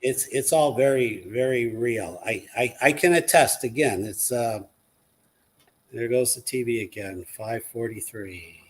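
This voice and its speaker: A man talks earnestly as a guest on a live online chat show. His voice sits in an ordinary middle pitch, and he speaks in an easy, conversational way. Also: measured pace.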